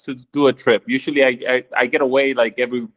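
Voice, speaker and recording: A man's voice: medium pitch, little pitch movement, fast talker. A man from Chile asking a question on a video call, laid-back and rambling, with lots of fillers. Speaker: caller.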